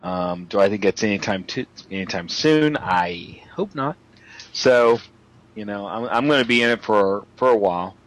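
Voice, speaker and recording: Man, lowish voice, earnest and measured, relaxed chat delivery. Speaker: guest. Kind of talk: casual group chat.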